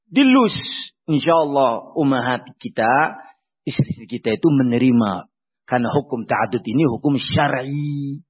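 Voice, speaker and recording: A man preaching a sermon, swinging between loud emphatic lines and quiet asides. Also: fairly high pitch, breathy edge. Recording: tinny phone-like sound.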